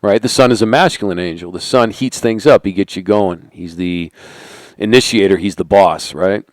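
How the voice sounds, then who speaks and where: A middle-aged man holding a conspiratorial monologue, asking rhetorical questions and sinking into quiet asides. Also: deep voice, moderate pace, no echo. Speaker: channel host. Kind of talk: monologue to camera.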